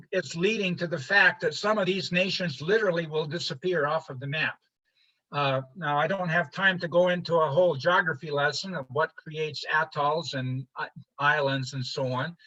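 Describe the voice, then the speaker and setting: An older man from Honduras giving an informal slide lecture, halting with many fillers and restarts. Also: on the high side, pushed and bright. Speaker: presenter. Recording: muffled lo-fi livestream audio.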